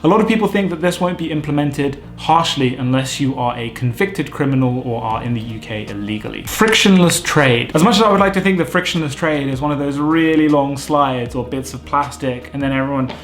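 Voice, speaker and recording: A man hosting a vocabulary lesson, explaining terms clearly with light jokes. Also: mid-range voice, fairly quick, hardly any pauses. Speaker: vocabulary teacher, channel host. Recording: echoey room with faint music.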